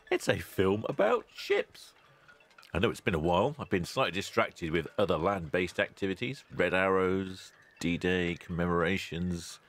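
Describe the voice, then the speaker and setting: Host VO: very low male voice, casual and wry, cheery sign-offs. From England. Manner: chatty, dry asides, loud cheery greetings. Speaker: ship-spotting channel host. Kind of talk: relaxed voice-over narration.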